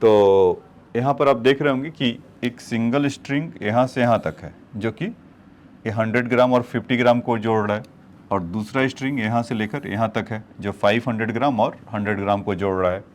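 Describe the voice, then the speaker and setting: A man's voice: medium pitch, normal speed, a little hiss or hum. Man explaining physics problems step by step. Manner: explains step by step, addresses students as children. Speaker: physics teacher. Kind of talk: whiteboard problem-solving lecture.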